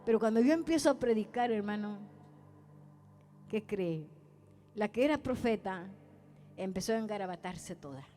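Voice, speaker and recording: A woman's voice: medium pitch, lively intonation, normal speed, long pauses, warm tone, faint music behind. A woman evangelist preaching a testimony sermon, acting out dialogue and calling her listeners brothers. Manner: storytelling, addresses listeners as brothers, acts out dialogue.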